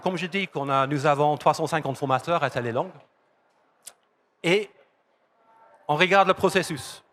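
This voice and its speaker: A man with an English accent and a somewhat raised pitch gives a lively conference talk. He is from London, and the language is not his first. He drives home key phrases by repeating them. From London, England. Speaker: conference speaker. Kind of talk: conference presentation. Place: conference hall.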